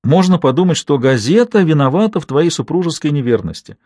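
A man's voice: a little high, animated, fairly quick, darkish tone, no room sound, pitched above the performer's own voice. A man voicing an enraged middle-aged wife who hurls cutting, scornful words back at her husband.

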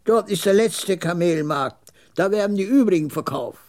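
A man voicing a proud, scornful old male camel dealer with a jagged, raspy voice in a radio story. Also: high-pitched, lively intonation, normal speed, darkish tone, pitched above the performer's own voice. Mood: resigned. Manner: haughty, curt, mocking.

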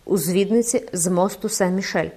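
A woman voicing a brooding cloaked man who sounds like a ghost, speaking low, hushed and cold. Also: moderate pace, husky. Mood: cold, ominous. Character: brooding cloaked man, eerie phantom-like stranger.

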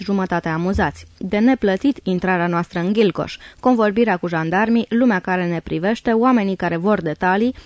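A woman reads a diary aloud in the first person. Her pace is calm and measured, and her voice sits at an ordinary middle pitch. The recording is dry and close to the mic, with no room sound. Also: no room sound. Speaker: audiobook reader. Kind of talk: diary reading.

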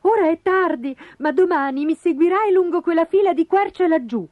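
A woman voicing a kindly little wagtail bird, with a high, gentle chatter. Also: moderate pace, dry recording, narrow, tinny audio.

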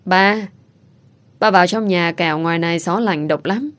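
A woman voicing a gentle, loving young father who speaks softly and tenderly. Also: lowish voice, moderate pace, lightly acted. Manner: soft and tender.

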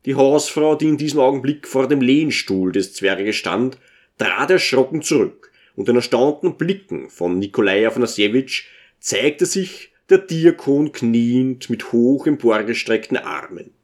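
Casting: male audiobook narrator, calm storytelling, medium pitch. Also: a little slow. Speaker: audiobook reader. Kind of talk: scripted narration of a classic novel.

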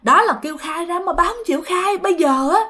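Woman doing a raspy old ghost grandpa wailing n begging, way up high, swings all over. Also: expressive, fairly quick, pushed and bright, exaggerated voice. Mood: pleading. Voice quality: raspy, hoarse. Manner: pleading, wailing, repetitive. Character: tormented old grandfather ghost speaking through a medium.

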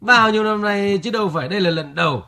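An actor playing a stubborn, dismissive older village farmer in a radio drama. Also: male voice, high-pitched, fast, pushed and bright. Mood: reassuring. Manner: dismissive, stammering.

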